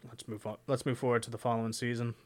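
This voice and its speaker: A man's voice: mid-range voice, little pitch movement, rapid-fire. A young man co-hosting a sports podcast, talking casually and rambling with lots of "you know". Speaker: podcast co-host.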